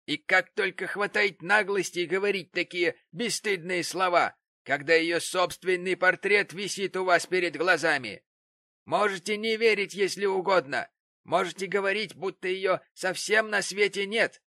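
Мужчина-чтец озвучивает негодующую старую сиделку, напыщенную и сварливую, голос визгливый и бранчливый. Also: male voice, pushed and bright, no echo. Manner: shrill, scolding. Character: indignant old woman nurse, pompous and quarrelsome.

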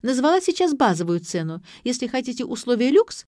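A chirpy young receptionist rattles off her sales pitch in a bright, high voice, as a woman reader puts her on. The sound is close and dry. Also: sing-song, no echo. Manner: chirping, fast sales patter.

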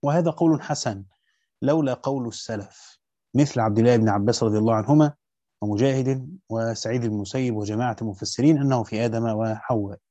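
Fast-reading Egyptian man, dark voice. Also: medium pitch, dry recording, muffled recording. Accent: Egyptian Arabic. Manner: reads classical Arabic quickly, then breaks into colloquial comments. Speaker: teacher reading a Quran commentary. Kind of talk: fast reading of a classical text with spoken asides.

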